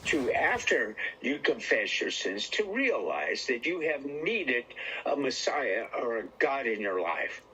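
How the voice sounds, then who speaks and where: A man in a Bible study group asking searching questions, hesitant and halting as he works through them. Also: medium pitch, very animated, pushed and bright, a little hiss or hum, poor audio. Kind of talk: casual Bible discussion.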